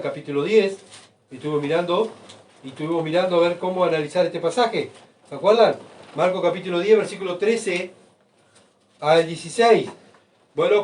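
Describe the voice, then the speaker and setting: A man preaching a sermon, asking rhetorical questions and swinging between soft asides and loud emphatic bursts. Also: high voice. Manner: rhetorical questions, keeps asking the congregation "¿verdad?". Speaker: pastor. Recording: voice picked up from far off.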